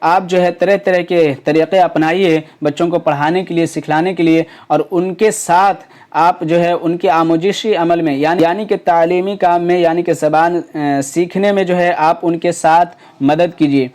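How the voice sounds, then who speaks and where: A man's voice: on the high side, fairly even intonation, a little mellow. A man teaching exam preparation in Urdu. He works through past paper questions option by option, with many fillers, restarts and rhetorical questions.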